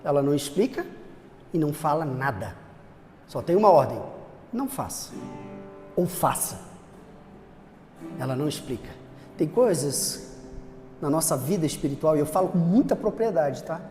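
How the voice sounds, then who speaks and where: Animated Brazilian pastor preaching in church. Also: male voice, fairly high pitch, normal speed. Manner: animated preaching, acts out voices, rhetorical questions. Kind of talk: sermon. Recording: reverberant church hall, faint music.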